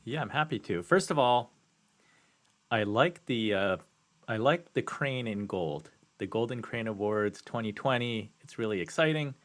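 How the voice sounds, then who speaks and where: An easygoing man co-hosting a casual podcast, relaxed and friendly, sometimes laughing at himself. His voice is mid-pitched and plain. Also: moderate pace. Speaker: podcast co-host. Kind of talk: casual live-stream chat.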